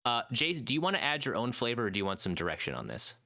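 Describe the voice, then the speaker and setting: A man's voice: medium pitch, very animated, fast, creaky, pushed and bright, no room sound, clean studio sound. A man hosting a casual comedy podcast, often laughing and restarting as he directs voice bits. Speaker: podcast host.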